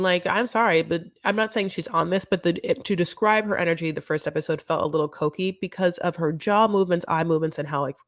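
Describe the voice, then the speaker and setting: A woman with a fairly low-pitched voice hosts a casual live chat recapping a show. Her delivery is rambling and campy, full of asides, and the recording is dry with clean studio sound.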